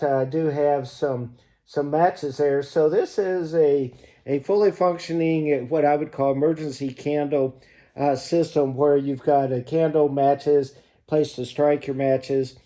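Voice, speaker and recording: Halting man with a mellow voice. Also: a little high. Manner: halting, pausing often mid-phrase. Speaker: prepping vlog host. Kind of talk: casual demonstration talk to camera.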